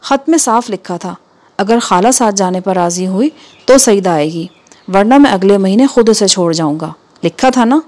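A woman reading the part of a calm, practical mother who steadies a worried relative and gives orders at home. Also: medium pitch, close to an everyday voice. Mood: reassuring. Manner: soothing yet firm.

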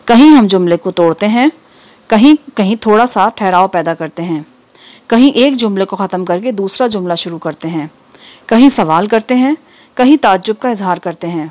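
A woman reading an Urdu textbook aloud, with careful, measured delivery and steady pauses between items. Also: medium pitch. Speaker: textbook reader.

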